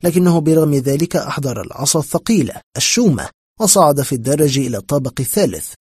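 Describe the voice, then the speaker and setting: A man's voice: fairly high pitch, expressive, quick pace, darkish tone, slightly rough, no echo, studio quality. A man narrating a horror story in scripted form, with a tense, dramatic telling.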